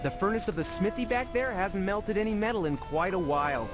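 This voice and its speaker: A man's voice: high-pitched, a little fast, natural voice, low-quality recording. An actor voicing a restless young colonial Minuteman soldier who is eager to fight, talking in an earnest, folksy way. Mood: explaining. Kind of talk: 1990s educational game voice acting. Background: game music.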